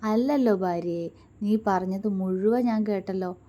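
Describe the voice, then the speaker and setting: A playful young husband with a sly, coaxing way of talking, as a woman storyteller puts him on. His voice is mellow and warm and stays close and soft as he teases, in a romantic audio story. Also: mid-range voice, measured pace, close to an everyday voice. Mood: teasing.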